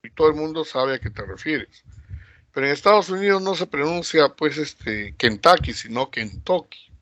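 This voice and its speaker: A middle-aged Peruvian man teaching a geography class in Peruvian Spanish, drawing words out and filling pauses with hesitations and rhetorical questions. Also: on the high side, lively intonation, a bit bright, no echo, dull audio. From Peru. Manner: slow, drawn-out delivery with many fillers and rhetorical questions. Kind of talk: recorded classroom lecture.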